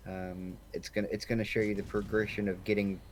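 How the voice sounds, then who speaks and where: A man's voice: fairly low pitch, level tone, fairly quick, a little hiss or hum. A man with an Australian accent talking casually as a co-host on a live game stream, laid-back and rambling.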